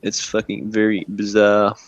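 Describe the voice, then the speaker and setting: A livestream co-host chats casually, his fairly low voice completely flat and measured as he drops sweary, laid-back slang. The mic sounds muffled and lo-fi, with a roomy echo.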